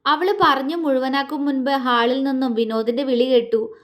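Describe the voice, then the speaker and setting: A woman narrating a serialized romance novel in a steady, measured reading voice. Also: high-pitched. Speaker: storyteller.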